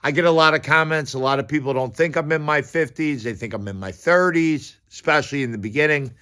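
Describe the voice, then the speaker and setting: A fitness vlogger in his fifties talks to camera during a morning workout, giving casual motivational advice in a blunt, encouraging, informal way full of slangy phrases. His smooth voice is a little high, pushed and bright, and a bit fast.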